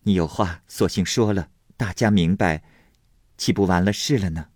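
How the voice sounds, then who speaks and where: A man voicing a composed young lady who speaks in a measured, persuasive way. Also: low-pitched, darkish tone, no room sound, studio quality. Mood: calm.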